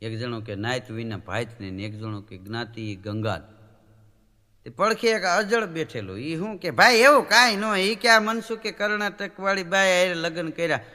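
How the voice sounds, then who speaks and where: A man's voice: fairly high pitch, normal speed, bright, forceful tone. A man, a folk comedian telling jokes on stage and acting out voices and animal sounds. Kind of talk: live stage joke-telling. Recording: reverberant hall recording.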